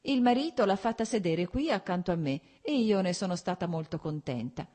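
A woman's voice: lowish voice, animated, a little fast, dark tone. A woman reading an audiobook voices an elderly countess, a fond and chatty mother who gushes and slips French phrases into her talk. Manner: gushing, affectionate, drops French phrases.

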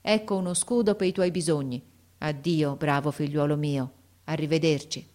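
A woman reading aloud and voicing a kindly father in a storybook, gentle but firm. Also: sits low, steady tone, moderate pace, natural voice. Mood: tender.

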